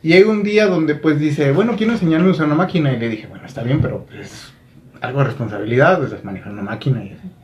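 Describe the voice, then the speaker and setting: Copresentador mexicano, habla rápida y relajada, voz algo aguda. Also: male voice, a little high, fast, a little mellow, a little hiss or hum. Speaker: podcast co-host, carpenter. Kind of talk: casual chat.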